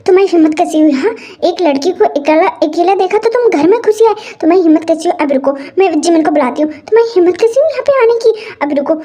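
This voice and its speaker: A woman voicing a hot-tempered young woman who stammers and scolds loudly in a fan audio story. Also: extremely high pitch. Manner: shouty, stammering, indignant.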